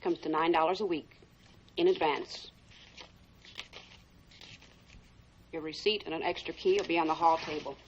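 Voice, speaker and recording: A woman's voice: low voice, steady tone, brisk, lo-fi sound, slight background noise, close to an everyday voice. An actress playing a curt, suspicious, thrifty boarding-house landlady in a film drama, with an American accent and brusque manner. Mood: brisk, stern.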